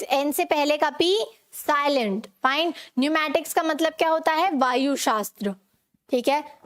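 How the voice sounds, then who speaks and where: High-voiced Indian woman teaching pronunciation. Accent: Indian English. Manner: questions and repeats for learners, mixes Hindi and English. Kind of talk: online classroom lesson.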